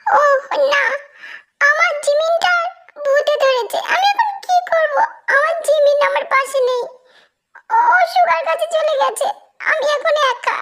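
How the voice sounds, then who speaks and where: A woman doing a squeaky, stammering young man. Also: measured pace, a bit bright. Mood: flustered. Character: flustered shy young man, stammering and protesting.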